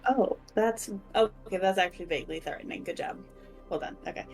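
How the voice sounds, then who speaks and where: A woman's voice: medium pitch, fairly quick, gravelly, soft background music. A woman chatting casually and playfully as a player in a tabletop game, with teasing banter.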